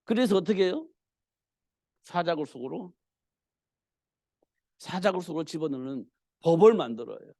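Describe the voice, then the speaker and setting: A male pastor preaching a sermon in a church, telling the story with animated delivery. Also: fairly high pitch, moderate pace, long pauses, no room sound, clean studio sound. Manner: animated storytelling, acting out the king's cries.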